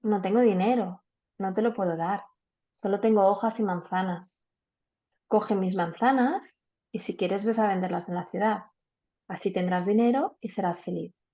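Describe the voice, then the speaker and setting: A gentle, selfless tree speaks softly in a storybook, voiced by a woman reading aloud. The voice is mellow and warm. The audio is dull and lo-fi, like a video call. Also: mid-range voice, moderate pace, close to an everyday voice. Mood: tender.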